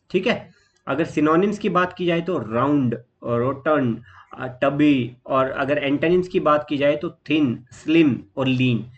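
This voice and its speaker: A man with an Indian accent teaching exam vocabulary in a steady explanatory lesson, listing words and pausing on fillers. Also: fairly high pitch, muffled recording.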